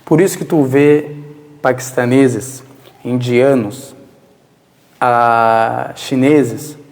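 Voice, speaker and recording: A man's voice: medium pitch, fairly even intonation, drawn-out words, darkish tone. A man whose first language is Arabic, teaching a religious lesson and constantly asking rhetorical questions that he answers himself. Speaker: Islamic teacher. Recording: long reverberant hall echo.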